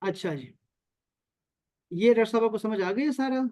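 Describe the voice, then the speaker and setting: A man's voice: high-pitched, warm tone, dry recording. A man from Pakistan teaching an online Arabic and Quran lesson over a video call, repeating key terms and checking often that his students follow.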